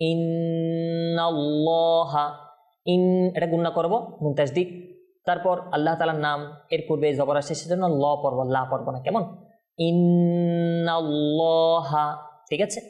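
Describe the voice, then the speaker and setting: A man teaching Quran recitation rules, drawing out example words slowly and checking in often with his listeners. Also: fairly high pitch, a little mellow, soft background music. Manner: patient, keeps checking in with listeners; demonstrates words slowly, drawn out. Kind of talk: tajweed lesson, explaining pronunciation rules.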